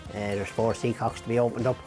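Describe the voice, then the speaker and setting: Plain-spoken Irish man, halting delivery. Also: fairly low pitch, level tone, over music. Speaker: lifeboat mechanic. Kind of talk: informal interview explanation.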